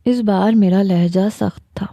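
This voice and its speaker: A woman narrates a novel in the first person with calm, steady storytelling. Her voice is very warm and mellow. The recording is dry and close, with no room sound. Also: medium pitch, dry recording.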